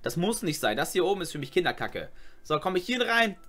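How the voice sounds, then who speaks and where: A man's voice: sits high, very animated, fairly quick, fairly bright tone. A young man giving casual, slangy commentary on game chat logs as a gaming YouTuber, exclaiming often.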